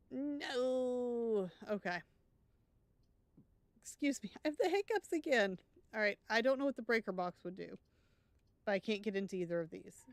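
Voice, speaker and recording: Smooth-voiced woman thinking aloud while gaming. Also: medium pitch, no echo. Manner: thinks aloud, chatty and wry. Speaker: let's play streamer. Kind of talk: live gameplay commentary.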